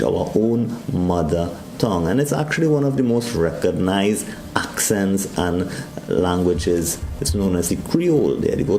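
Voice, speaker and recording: A Trinidadian preacher delivers a devotional message to his audience on morning radio. He speaks in a low, mellow register punctuated by abrupt upward leaps in pitch, and the room around him is echoey.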